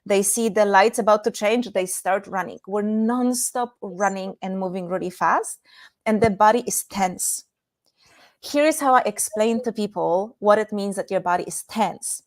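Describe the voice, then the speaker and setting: Speaking at a normal pace in a mid-range voice, a guest intimacy and tantra expert from Poland talks in an interview with a Polish accent. She explains conversationally and backs up her points with examples.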